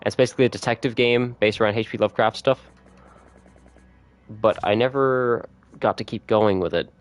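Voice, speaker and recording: A man chatting casually with viewers on a gaming livestream, laid-back and quick to laugh. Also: fairly low pitch, clean tone, soft background music. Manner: relaxed, chatty, laughs often, reads notes aloud. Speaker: streamer.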